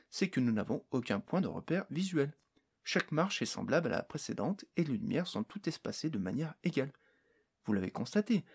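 A male narrator voicing a calm, clever female sorceress in a storybook reading. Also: a little high, breathy edge, voice pushed up, exaggerated voice.

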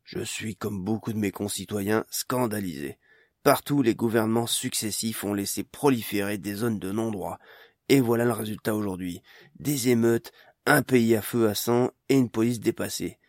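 A man's voice: on the low side, normal speed, a little mellow, no room sound, clean studio sound, natural voice. A man voicing a harsh political agitator in an audiobook, with a hard, indignant, declamatory delivery.

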